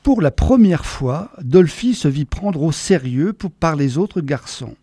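A man narrates a story aloud in a measured, expressive way. His voice sits high for a man. The recording is dry and close, with no room sound. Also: husky, no room sound.

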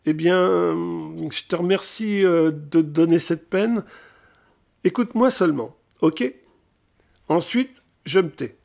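A man's voice: sits high, slow pace, vocal fry, a little mellow, voice pushed up, exaggerated voice. Man putting on an eager, chatty pregnant woman. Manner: eager, insistent, gushing. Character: pushy, chatty pregnant woman, old college friend.

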